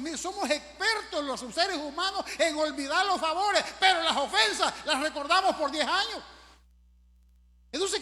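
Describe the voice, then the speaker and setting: A middle-aged man preaching a sermon as pastor, rising loud on scripture and dropping to quiet asides. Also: extremely high pitch. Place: church. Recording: church hall reverb, faint hum.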